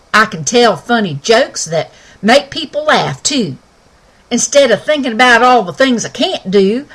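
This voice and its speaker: A woman's voice: on the high side, a bit bright, husky, heavily acted. A woman voicing a folksy young male cowboy pony in a storybook, with a drawling western manner of talk.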